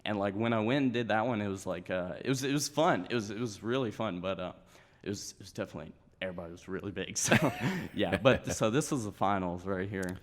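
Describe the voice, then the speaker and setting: A man's voice: lowish voice, fast talker, big-room sound. A nineteen-year-old man, a guest, chatting casually and telling stories with an easygoing manner and frequent laughs. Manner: easygoing storytelling, laughs often. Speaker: guest, grappler. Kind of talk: casual chat.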